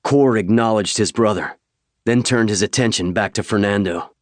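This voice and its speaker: A man with a lowish voice reads an audiobook in a measured, steady delivery. The sound is close and dry, recorded on a studio microphone. The pacing holds even through the action. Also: dry recording. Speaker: audiobook narrator. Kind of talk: scripted narration.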